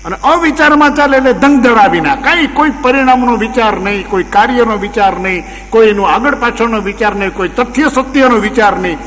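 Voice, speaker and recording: High-voiced preacher in a hall. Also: male voice, fairly quick, few pauses, fairly bright tone. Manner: rhetorical questions, repetitive emphatic phrasing. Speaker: spiritual preacher. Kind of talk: religious discourse with a parable. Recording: long hall reverb, faint mains hum.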